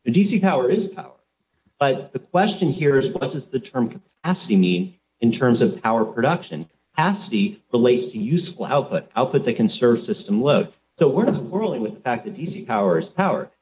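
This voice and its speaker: A man's voice: mid-range voice, sing-song, a little mellow. Guy lawyer doing oral argument in court, careful and formal, kinda dull lo-fi audio. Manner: precise, formal, cites sources slowly. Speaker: agency lawyer arguing in court.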